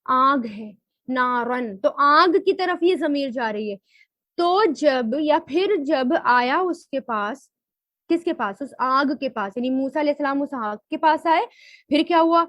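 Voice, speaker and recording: A woman with a high-pitched, expressive, slightly bright voice teaches Quran grammar and tafseer. She poses questions and answers them herself, slowing down to spell out Arabic word forms, in a dry recording.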